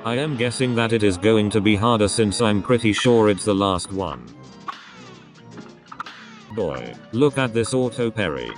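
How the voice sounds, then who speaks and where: A male text-to-speech voice reading casual let's play commentary, with an even machine delivery. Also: lowish voice, a little slow. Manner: evenly paced machine reading of casual gaming banter. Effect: text-to-speech synthetic voice. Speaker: gaming channel host. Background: video game music.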